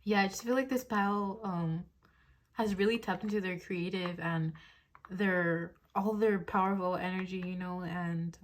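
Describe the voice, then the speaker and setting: A woman's voice: fairly low pitch, fairly even intonation, a little slow. A young woman doing a casual tarot reading into a phone on her desk, rambling with many fillers and frequent giggles. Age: young adult. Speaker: tarot reader. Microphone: phone on a desk mount.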